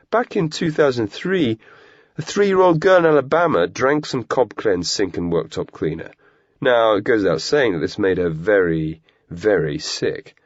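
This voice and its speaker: A man's voice: on the low side, no room sound, dull audio, voice pushed up. A man doing a sneering, sarcastic young activist host. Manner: sarcastic, theatrical.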